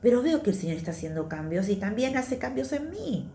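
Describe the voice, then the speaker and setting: A woman's voice: a little high, big pitch swings, brisk, mellow, roomy sound, a little hiss or hum. A woman with a Rioplatense Spanish accent giving a conversational testimony sermon in church, confiding and chatty, often checking in with her listeners. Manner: chatty, confiding, often adds tag questions.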